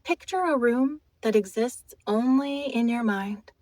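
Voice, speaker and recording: A woman leading a guided hypnotic trance in a soft, intimate, mesmerizing manner, soothing, deliberate and gently commanding. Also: on the high side, expressive, no room sound, studio quality.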